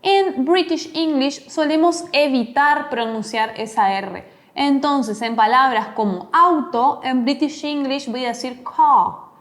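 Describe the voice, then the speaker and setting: A woman teaching an online English lesson, explaining step by step and modeling words aloud. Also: high voice. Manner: explains slowly, demonstrates English pronunciation.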